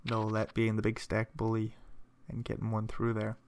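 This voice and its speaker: A young man with a lowish voice at normal speed gives relaxed, chatty play-by-play on a poker final table, thinking aloud with playful asides. He keeps fighting off hiccups and yawns, and the recording has a little hiss or hum.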